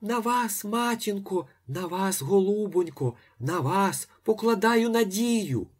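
A man voicing a meek, stubborn priest who begs a lady in a high, plaintive voice. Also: animated, takes it slowly, breathy edge, full character voice. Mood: imploring. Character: meek pleading male priest, kneeling and stubborn.

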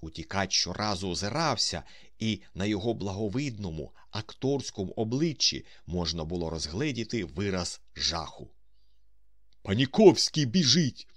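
Very low male narrator, expressive and lively, reading an audiobook. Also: normal speed, dry recording, studio quality. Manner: expressive storytelling. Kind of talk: scripted narration.

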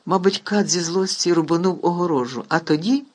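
A man narrating an audiobook in a lively, expressive reading. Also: high-pitched, a little fast. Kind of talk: storybook reading.

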